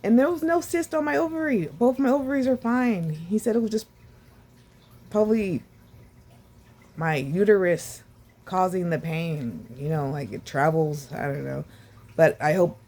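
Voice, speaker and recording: A woman vlogging casually about her recovery, sore and short of breath, with a sore throat, talking haltingly with sighs and restarts. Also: on the low side, a little mellow. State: sore and winded after surgery.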